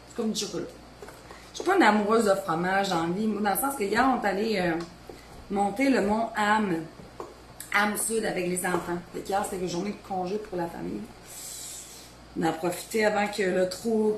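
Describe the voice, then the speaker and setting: A woman's voice: mid-range voice, echoey room, a little hiss or hum, poor audio. A woman in her thirties with a Beauce Quebec French accent, chatting casually while she cooks in her home kitchen and rambling on with family off camera. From Quebec, Beauce region. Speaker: home cooking vlogger.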